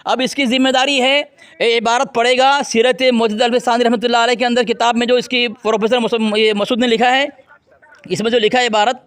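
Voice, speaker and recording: A man with a very high voice debates hotly on a call. He taunts and insults his rival, repeating his claims and demanding proof. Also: flat delivery, fairly quick, a bit bright, smooth. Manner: combative, taunting, insulting the opponent. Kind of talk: heated religious debate.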